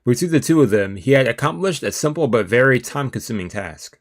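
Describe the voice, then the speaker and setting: Quick and expressive, this man's medium-pitched voice carries a let's-play stream. He reads the visual novel out loud while reacting with casual, slang-filled commentary on the side.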